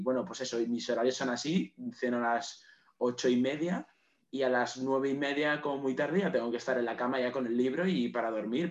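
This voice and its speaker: Young man, late teens, rambling casual chat, mid pitch, muffled lo-fi sound. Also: a little hiss or hum. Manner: rambling, digressive, swears casually. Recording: roomy, dull lo-fi sound.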